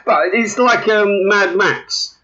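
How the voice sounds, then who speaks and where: A man's voice: high voice, slow, pushed and bright, lo-fi sound. A man hosting a podcast, chatting in crude, joking banter and rambling with lots of restarts. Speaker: podcast host.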